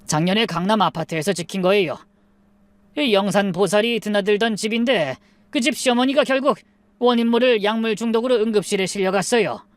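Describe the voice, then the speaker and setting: A woman's voice: mid-range voice, a little fast, no room sound, natural voice. Woman voicing an urgent old security guard. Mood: grave. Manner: urgent, hushed warning. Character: elderly male apartment security guard, urgent.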